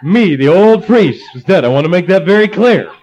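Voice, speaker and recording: Preaching at a moderate pace, this high-pitched, middle-aged pastor from Ohio tells spirited stories and drops jokey remarks along the way. The audio is lo-fi and somewhat dull.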